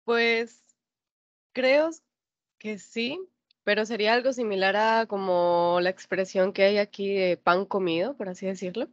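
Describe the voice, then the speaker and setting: A woman's voice: mid-range voice, steady tone, measured pace, dry recording. A woman answering her teacher in an online class, a bit hesitant. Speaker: student. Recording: dull dry video call audio.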